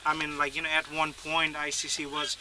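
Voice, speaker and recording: A man's voice: on the high side, monotone, fairly quick, pushed and bright, a little hiss or hum. A man from Nepal, a guest commentator at a cricket match, who talks in long runs filled with "like, you know". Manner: fills speech with "like, you know". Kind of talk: casual live cricket commentary chat.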